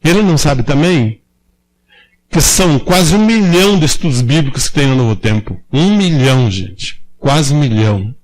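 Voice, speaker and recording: A man's voice: medium pitch, moderate pace, rough recording. A man from preaching at a church prayer meeting, telling stories informally and acting out the voices of the people in them. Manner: animated, acts out quoted voices, asks the congregation questions. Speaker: lay preacher. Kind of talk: informal sermon storytelling.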